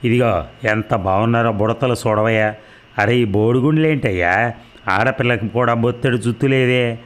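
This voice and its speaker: A man voicing an older village mother who is fretful and protective, scolding gently in homely speech. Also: mid-range voice, moderate pace, lightly acted. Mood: soothing.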